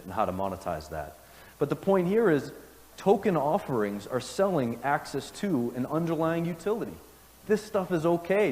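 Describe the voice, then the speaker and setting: A man giving a conference keynote as a company executive, with a polished, confident corporate pitch and emphatic delivery. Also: darkish tone. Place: large indoor conference room. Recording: echoey conference hall, long reverb.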